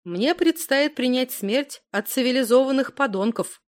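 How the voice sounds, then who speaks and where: A woman voicing a calm defiant young detective. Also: moderate pace, lightly acted. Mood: quiet resolve. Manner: calm, steady, low-key.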